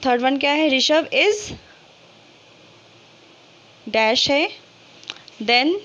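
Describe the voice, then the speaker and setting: A high-pitched woman explains grammar to her students, posing questions and answering them herself. She slows right down to draw out each example word. The recording sounds dull and lo-fi. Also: a bit bright, a little hiss or hum. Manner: slow, drawn-out reading of example words. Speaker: English grammar teacher. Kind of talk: explanatory lesson in Hindi with English terms.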